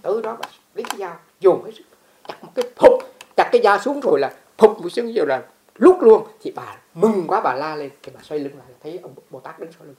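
Fast-talking woman with a gravelly voice. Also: lowish voice. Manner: animated, repeats words while telling. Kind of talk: storytelling dharma talk.

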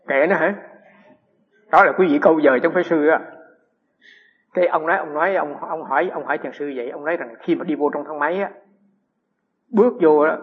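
A man's voice: on the high side, husky. A man, a Buddhist monk, giving a dharma talk, telling stories and putting rhetorical questions to his listeners. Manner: anecdotal, asks the audience rhetorical questions. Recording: dull lo-fi recording with long hall reverb.

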